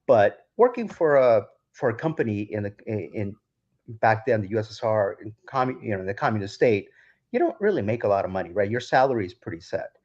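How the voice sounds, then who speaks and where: A DJ from Ukraine tells a sprawling story on a podcast, repeatedly backing up to restart it, in a relaxed interview setting. His lowish, darkish voice is very animated and brisk. The sound quality is dull and lo-fi.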